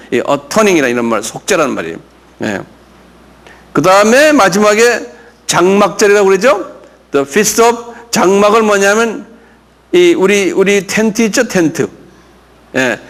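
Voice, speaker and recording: A man's voice: high voice, a bit bright. A man, a pastor, giving a Bible class lecture, quizzing his listeners and having them repeat words after him. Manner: drills pronunciation, quizzes listeners, chuckles. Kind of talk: classroom lecture with audience questions.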